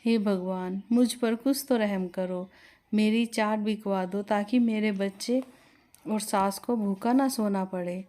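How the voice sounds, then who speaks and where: A woman's voice: medium pitch, fairly even intonation, slow, warm tone, close to an everyday voice. A woman voicing a struggling but determined young chaat seller in a storybook tale, speaking earnestly. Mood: pleading. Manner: earnest, pleading.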